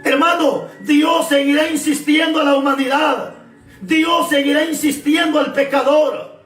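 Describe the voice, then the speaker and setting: Fervent shouting preacher, high voice. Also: male voice, fairly even intonation, unhurried, roomy sound, far from the mic, faint music behind. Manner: fervent, repeats phrases, often shouts. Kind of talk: shouted Pentecostal-style sermon.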